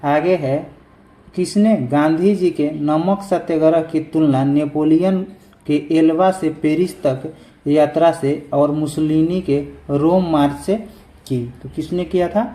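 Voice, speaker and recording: A man's voice: on the high side, warm tone, echoey room. A man giving an exam revision lesson, reading each question aloud and saying every answer twice. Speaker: teacher.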